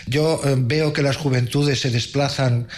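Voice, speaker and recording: A man's voice: steady tone, a little slow. A man in his fifties from Menorca, speaking as a guest organizer in an earnest, rambling way. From Menorca, Spain. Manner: earnest, rambling, rises in pitch when keen. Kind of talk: casual interview talk.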